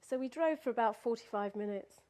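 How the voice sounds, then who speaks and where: A woman's voice: on the high side, a little fast, a little mellow. Woman telling a story with laughs. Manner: laughs often, with many fillers and restarts. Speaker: guest recounting a personal experience. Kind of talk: casual spoken storytelling.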